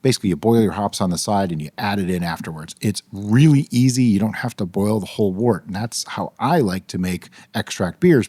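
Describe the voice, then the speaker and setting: A man's voice: on the low side, no room sound. A man co-hosting a casual homebrewing podcast, talking through his opinions with lots of asides and reasoning aloud. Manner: animated, opinionated, rationalizing aloud. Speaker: podcast co-host.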